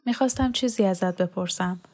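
A woman reading the part of a young daughter who gently and anxiously speaks to her mother. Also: mid-range voice, natural voice. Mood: worried. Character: worried teenage daughter caring for her mother.

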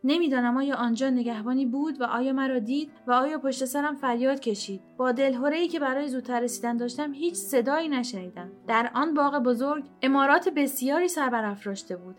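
A woman narrating a short story for an audiobook in a steady, expressive storytelling manner. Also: sits high, hardly any pauses. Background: soft instrumental music.

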